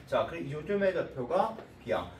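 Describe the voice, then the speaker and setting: A man teaching a math lesson, his voice rising and falling in a lively, swinging way. He talks briskly and keeps checking that the class follows along. The sound comes from a distance in an echoey room. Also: fairly high pitch, slight background noise. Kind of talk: classroom lecture.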